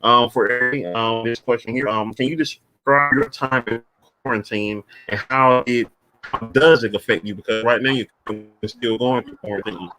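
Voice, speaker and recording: A man hosting a casual livestream call, talking haltingly with many fillers and restarts while he sorts out the connection. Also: medium pitch, steady tone, sharp tone, slight background noise, low-quality recording. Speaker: livestream host.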